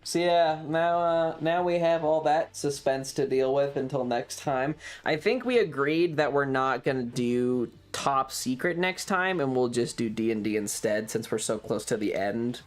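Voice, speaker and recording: A livestreamer with a mid-range voice speaks a little slowly and with few pauses as he chats with viewers. His storytelling is animated and emphatic, heavy on swearing and repeated phrases.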